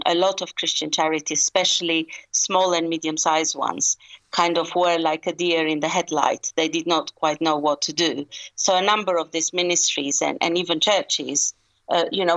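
A woman from Albania, in her forties, a consultant giving a radio interview in an earnest, measured way with frequent restarts. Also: low voice, a bit bright, highs cut off. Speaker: fundraising consultant, guest.

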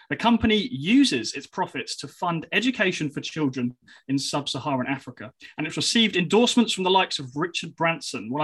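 A British man hosts a radio interview in a crisp, bright voice. It sits a little higher than most men's, and he delivers introductions and questions in a presenter's style.

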